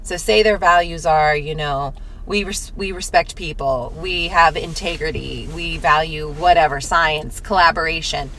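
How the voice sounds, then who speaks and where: Chatty low-voiced woman podcaster. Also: a little slow, fairly bright tone, a little hiss or hum, low-quality recording. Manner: laughs easily, retells stories in quoted voices. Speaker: podcast co-host. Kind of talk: casual chat.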